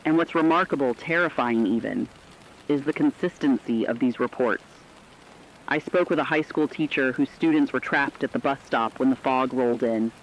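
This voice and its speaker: A man with a medium-pitched voice speaks at a moderate pace, lightly acting the part of a solemn, formal news anchor who issues emphatic warnings in a scripted emergency radio drama. The mood is solemn and urgent. The sound is dull lo-fi radio, with rain noise behind it.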